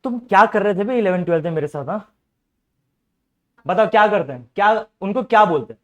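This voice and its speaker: A man's voice: high voice, animated, fairly quick, fairly bright tone. A young man teaching a commerce class, repeatedly quizzing students and coaxing them to ask doubts. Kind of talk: classroom lecture.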